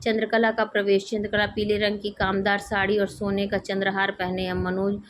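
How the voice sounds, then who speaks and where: A woman Hindi teacher reading a play aloud, giving the stage directions in a steady voice. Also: medium pitch, normal speed, a little hiss or hum.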